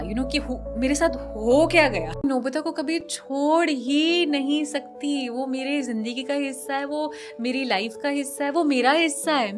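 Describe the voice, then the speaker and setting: A young adult woman, a voice actor, talking heartfelt and emotional in a casual interview, slipping in English words. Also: sits high. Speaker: voice actor guest.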